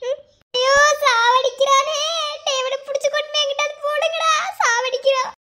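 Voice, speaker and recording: A woman with a Madurai Tamil accent voicing young village women in an animated family cartoon, scolding in quick slang. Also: very high-pitched, a little hiss or hum. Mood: bickering.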